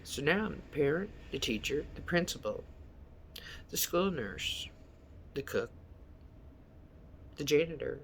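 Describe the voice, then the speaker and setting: Expressive middle-aged woman with creaky voice. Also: sits low, measured pace, long pauses, a little hiss or hum. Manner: emotional, swinging between animated venting and tearfulness. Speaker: vlogger and mother. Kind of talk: candid confessional vlog. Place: living room of a small house. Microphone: phone.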